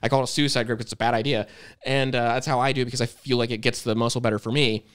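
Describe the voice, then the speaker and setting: A man co-hosting a podcast, telling stories in an animated, joking way and swearing casually. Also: mid-range voice, rapid-fire, smooth. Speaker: podcast co-host. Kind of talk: casual chat.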